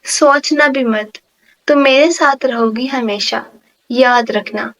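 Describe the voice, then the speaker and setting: A woman's voice: high-pitched, a bit bright. A woman reading the lines of a possessive, hot-tempered young man in love, pleading and harsh by turns. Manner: pleading then harsh, obsessive.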